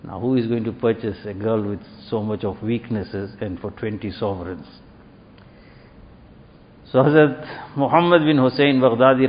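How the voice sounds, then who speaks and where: A man preaching a sermon, retelling a story and acting out its dialogue with rising emphasis. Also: medium pitch. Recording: dull lo-fi recording with long hall reverb.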